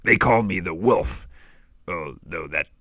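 A man voicing a laid-back, deadpan male wolf who tells jokes. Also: deep voice, slow pace, dry recording, exaggerated voice. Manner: dry, deadpan, easygoing.

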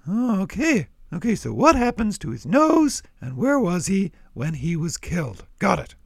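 A man voicing a friendly, curious male cow who talks in an excitable, gushing way. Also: sits high, moderate pace, vocal fry, no room sound, studio quality, pitched above the performer's own voice, full character voice. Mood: chatty. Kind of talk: puppet-style kids' Bible show banter.

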